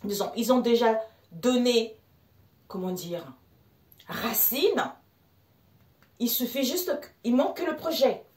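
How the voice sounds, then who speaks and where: Une femme à l'africain francophone qui fait un tirage de tarot en direct, bavarde et animée, s'adressant à ses amis spectateurs. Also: female voice, a little high, takes it slowly, pauses often, echoey room, far from the mic. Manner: animated, laughs often, addresses viewers as friends. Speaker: tarot card reader. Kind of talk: live tarot reading chat.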